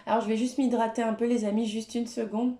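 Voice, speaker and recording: A woman speaking French gives a gentle, hesitant card-reading guidance, with many fillers. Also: a little high, flat delivery, quick pace, reverberant. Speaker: tarot and oracle card reader.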